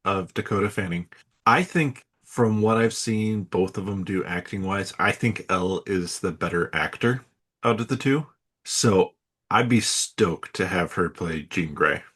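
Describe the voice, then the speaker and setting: Husky, dry-witted male podcast co-host. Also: deep voice, a little slow, fairly bright tone. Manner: dry, wry humor, laughs a lot. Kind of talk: casual podcast banter.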